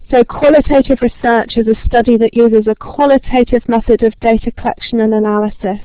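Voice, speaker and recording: A woman who talks quickly, with frequent ums, presents a lecture-style webinar and welcomes a large online audience. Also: fairly high pitch, dry recording. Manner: fast-talking, friendly, many ums. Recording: tinny phone-line sound, dry.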